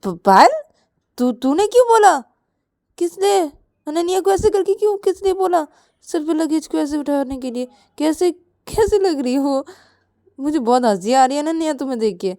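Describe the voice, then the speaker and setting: A woman's voice: sing-song, normal speed, warm tone, dry recording, clean studio sound. A woman voicing a young woman who questions her friend with amusement, in a told story. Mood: amused. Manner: high, questioning.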